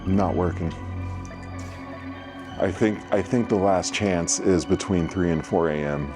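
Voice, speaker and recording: A man hosting a night investigation vlog, talking to the camera and calling out with deliberate pauses. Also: sits low, fairly even intonation, music in the background. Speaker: vlog host, ghost investigator.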